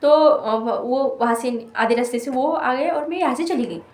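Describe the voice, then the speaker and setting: A woman's voice: sits high, normal speed, a little mellow. A young woman telling a personal story in a casual, rambling vlog, with many fillers and restarts. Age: young adult. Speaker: student vlogger. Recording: echoey room.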